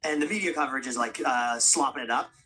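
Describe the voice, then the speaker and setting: A man's voice: mid-range voice, fast talker, background noise. A man co-hosting a casual podcast chat, joking wryly and laughing often. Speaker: podcast co-host.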